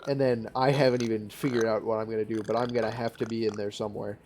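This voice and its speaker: A young man playing a tabletop role-play over voice chat, relaxed and laughing, letting phrases trail off. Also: on the low side, fast, soft background music. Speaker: player.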